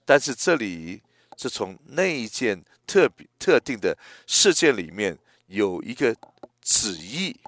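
A man in his eighties preaching a sermon in a gentle, reflective way, often pausing and restarting his phrases. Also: on the low side, very animated, dry recording, clean studio sound. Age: 80s.

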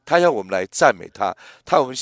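A man in his eighties preaching a sermon in a gentle, reflective way, often pausing and restarting his phrases. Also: medium pitch, big pitch swings, no echo. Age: 80s.

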